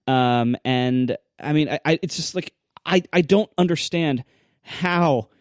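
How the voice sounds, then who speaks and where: A man's voice: a little high, a little mellow, no echo, studio quality. A man co-hosting a casual podcast, ranting with exasperation, full of fillers and short laughs. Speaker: podcast co-host. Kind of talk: casual tech podcast chat.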